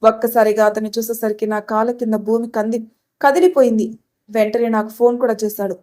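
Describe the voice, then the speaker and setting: A woman's voice: fairly high pitch, level tone, fairly quick, darkish tone, natural voice. A woman voicing a frightened young bride-to-be who pleads through her story. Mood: fearful.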